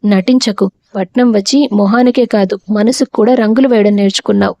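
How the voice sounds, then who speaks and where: A woman's voice: medium pitch, steady tone, a little fast, mellow, dry recording, lightly acted. A woman voicing a hurt, pregnant young wife who speaks in bitter reproach in an audio story.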